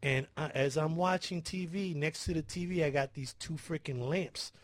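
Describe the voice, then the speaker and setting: A man's voice: a little high, normal speed, dry recording. A man telling a story in a casual chat, laughing, swearing and acting out his own panicked screams.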